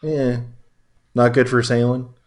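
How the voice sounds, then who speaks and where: A man's voice: medium pitch, level tone, slow pace, darkish tone. A man playing a trivia game, wry and self-deprecating in casual banter. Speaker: quiz player.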